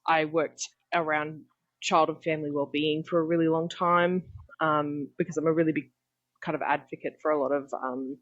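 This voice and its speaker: A woman's voice: deep voice, fairly even intonation, normal speed, a bit bright, lo-fi sound. A young Australian woman chatting casually as a podcast guest over a video call, laughing often and filling with "um" and "like". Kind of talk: casual chat. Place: home room.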